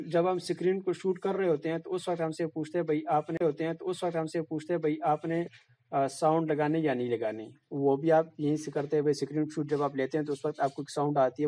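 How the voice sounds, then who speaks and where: A man's voice: fairly high pitch, steady tone, mellow. A man, casually walking viewers through phone settings in a plain, repetitive tutorial manner. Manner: plain, repetitive explaining with fillers and "bhai" asides. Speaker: tutorial presenter.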